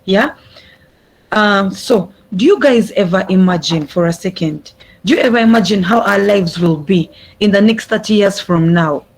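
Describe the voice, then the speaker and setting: Young adult, earnest speech, repeats phrases, mid pitch, video call audio. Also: moderate pace, poor audio. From Uganda. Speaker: youth speaker. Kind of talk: prepared speech at an online summit.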